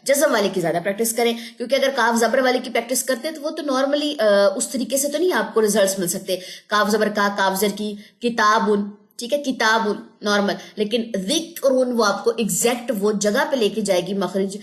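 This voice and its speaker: Young woman tajweed teacher with a fairly high voice, patient and methodical, drills sounds slowly. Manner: explains step by step, checks understanding with "theek hai ji"; drills syllables slowly and drawn out. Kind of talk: online lesson.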